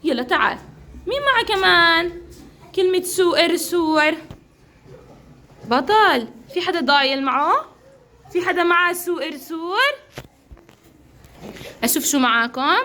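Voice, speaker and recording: A young woman with a Levantine accent teaching small children in a classroom, cheering them on and slowly sounding out syllables. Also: extremely high pitch, animated, pushed and bright. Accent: Levantine Arabic. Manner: encouraging, praises often, drawn-out sounding of syllables. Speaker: kindergarten teacher. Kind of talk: classroom phonics drill.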